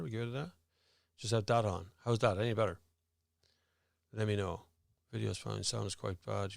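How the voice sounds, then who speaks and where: An Irish man hosts a casual live stream, rambling and chatty while fixing his audio on air. His fairly low voice has vocal fry, captured dry with no echo in studio quality on a studio microphone with headphones.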